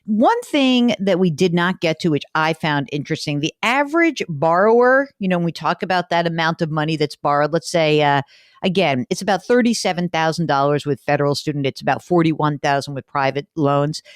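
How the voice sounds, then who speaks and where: This money show host speaks in a low-pitched, expressive, brisk voice, chatty and emphatic as she talks through her personal finance show in a conversational radio podcast style. There's no room sound, and the audio is studio quality.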